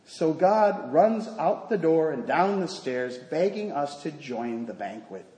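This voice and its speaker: A slightly high-pitched male priest preaching a sermon in a church, with his voice ringing out in a long reverb. He tells his story gently, in a measured rhythm. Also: lively intonation.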